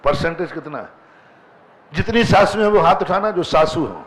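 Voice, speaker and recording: A man's voice: on the high side, animated, normal speed, rough recording. A man, a monk preacher, delivering a sermon with emphatic rhetorical questions to an assembly. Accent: Hindi. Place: assembly hall with seated women.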